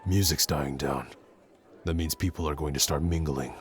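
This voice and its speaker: A man with a bass voice voices a gruff young tsundere prince, speaking to the listener in halting, grudging, awkward bursts in an intimate roleplay. The mood is shy yet reassuring, and background music plays underneath.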